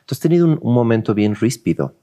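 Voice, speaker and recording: A man hosts an interview show. His voice sits at a middling pitch. He asks questions in a relaxed, halting way, restarting words as he works up to the point. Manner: halting, repeats words while framing questions. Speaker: talk show host. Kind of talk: casual interview.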